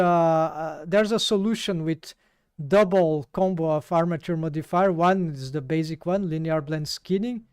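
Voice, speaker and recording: A man with a Brazilian Portuguese accent works through a 3D rigging task live, thinking aloud as he streams a tutorial, full of fillers and restarts. His high voice is smooth with a darkish tone, and the studio sound is clean with no echo.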